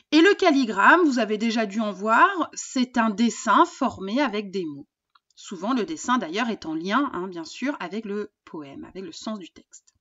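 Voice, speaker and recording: A woman teacher walks through a poetry lesson in a patient, explanatory way, hesitating now and then with fillers. Her voice sits a little high. The recording is dull and lo-fi.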